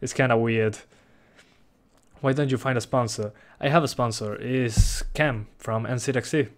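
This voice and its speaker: A young man from Uruguay, whose native Spanish carries a Rioplatense accent, casually answers live stream chat questions after reading them out. He speaks at a moderate pace in a mid-range male voice, keeping things relaxed with frequent chuckles.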